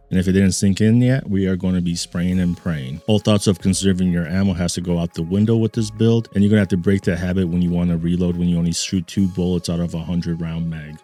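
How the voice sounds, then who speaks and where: A man's voice: low voice, warm tone. A man hosting a gaming channel, giving playful gameplay commentary and repeating his catchphrases, recorded at a desk mic in a home gaming setup.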